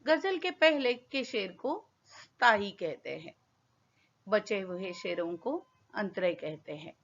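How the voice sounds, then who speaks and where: A woman teacher slowly explaining a poem in a school lesson, asking her pupils questions as she goes. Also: mid-range voice, lively intonation. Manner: slow, patient classroom explaining with questions to pupils. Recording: dull lo-fi recording.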